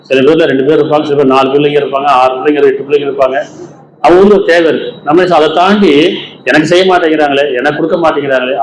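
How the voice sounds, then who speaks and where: A man preaching at a brisk clip, his voice pitched a little high. He keeps putting rhetorical questions to his listeners. The recording has a roomy echo. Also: a little hiss or hum. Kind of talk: Islamic sermon in Tamil. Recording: echoey room with faint ambience.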